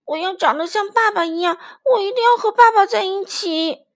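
A woman voicing a stubborn, tearful little boy ankylosaurus in a children's storybook, in a loud, high, pleading child's voice. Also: normal speed.

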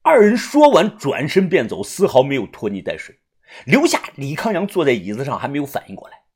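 Husky, lively male audiobook narrator. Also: medium pitch, fairly quick. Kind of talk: first-person novel narration.

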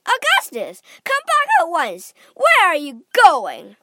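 A woman's voice: extremely high pitch, huge pitch swings, takes it slowly, noisy background, pitched above the performer's own voice, heavily acted. A woman voicing a bossy, panicky mother who scolds and shrieks. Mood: shrill panic. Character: shrill, bossy, panicky mother of a greedy boy.

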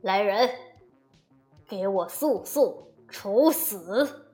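A woman voicing an angry, pompous male emperor of heaven who barks slow, blustering commands in a storybook reading. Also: mid-range voice, animated, a little mellow, faint music behind, voice pushed down. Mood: furious.

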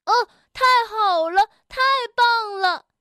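A woman's voice: very high-pitched, lively intonation, unhurried, no echo, clean studio sound, pitched above the performer's own voice. A woman voicing a cheeky, fearless male frog in a children's storybook, with a chirpy, teasing and bold manner.

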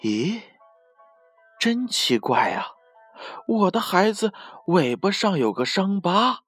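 A man voicing a gentle, clever mother rabbit in a bedtime story, speaking softly and musing. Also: high-pitched, big pitch swings, slow pace, breathy edge, faint music behind, voice pushed up, exaggerated voice. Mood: puzzled. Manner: soft, musing, then moaning in feigned pain.

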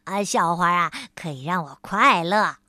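A woman's voice: fairly low pitch, a little slow, bright, forceful tone, no room sound, studio quality, voice pushed down. A woman voicing a cheerful little man in a storybook, speaking hesitantly with many fillers. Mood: amused.

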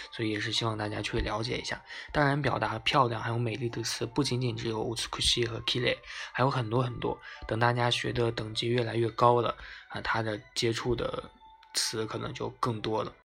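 A man hosting a language lesson podcast, explaining words patiently and repeating them slowly for learners. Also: medium pitch, creaky, a bit bright, slightly rough. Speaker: Japanese language teacher, podcast host. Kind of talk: casual spoken lesson.

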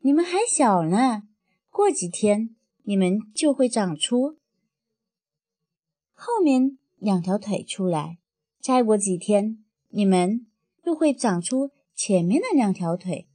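A woman voicing a kind, gently amused mother frog who speaks tenderly to her children in a bedtime story. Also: medium pitch, big pitch swings, slow. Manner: tender, doting.

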